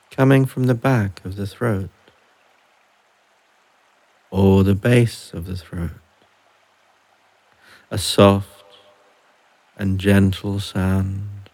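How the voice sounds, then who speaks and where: A man guiding a relaxation and breathing meditation, speaking softly and unhurriedly with long pauses between phrases. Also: sits low. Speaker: meditation guide. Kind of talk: guided relaxation.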